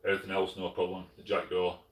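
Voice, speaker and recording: A middle-aged man with a Sheffield Yorkshire accent, casually answering live chat as host, relaxed and full of fillers and restarts. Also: low voice, fast, recorded from a distance. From Sheffield, England. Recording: roomy, from off the mic.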